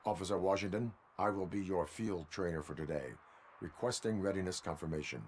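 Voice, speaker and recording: An actor playing a stoic robotic police mentor in a video game, speaking formally in a measured, steadying way. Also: male voice, low voice, slight background noise, lightly acted. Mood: calm, instructive. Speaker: field trainer.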